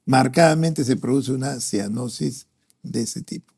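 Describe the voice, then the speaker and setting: A man's voice: mid-range voice, unhurried, creaky, darkish tone, breathy edge. A male doctor with a Peruvian Spanish accent, giving an exam-prep lecture. He works through questions aloud with frequent "¿no?" and "este" fillers. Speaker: doctor teaching a pediatric cardiology review.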